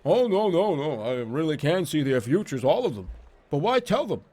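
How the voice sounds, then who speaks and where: A man's voice: on the high side, big pitch swings, moderate pace, darkish tone. Man voicing a plaintive, squat little fortune-teller creature. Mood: stubborn, defensive. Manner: hesitant, plaintive, evasive, repeating himself. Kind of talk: game character dialogue read aloud.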